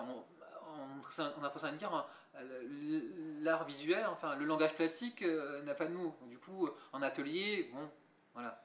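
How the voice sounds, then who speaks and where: A young adult man who works as a visual artist responds thoughtfully to an interviewer in a museum gallery, stumbling into many restarts and fillers. His voice is on the high side and fairly bright, recorded in an echoey room with slight background noise.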